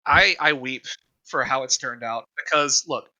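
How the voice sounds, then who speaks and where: A man's voice: mid-range voice, a little slow, pushed and bright, low-quality recording. A man co-hosting a casual podcast, giving opinions in a wry, argumentative way. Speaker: podcast co-host.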